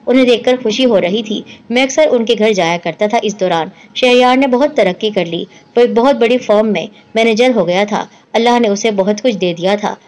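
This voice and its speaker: A woman narrating a first-person story in a steady, earnest storytelling manner. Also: a little high, few pauses.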